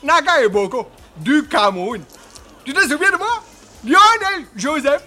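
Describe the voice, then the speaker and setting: A disguised visitor from Cameroon in a dubbed comedy film, eager and animated. His voice is very high, lively in pitch and sharply bright, with faint music under it. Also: a little slow, full character voice. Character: man posing as a visitor from Cameroon.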